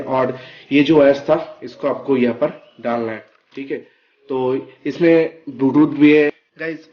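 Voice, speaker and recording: Step by step and informally, a product reviewer vlogger demonstrates an item hands-on, often asking whether the listener is keeping up. His voice sits in the mid range, and the recording has its highs cut off.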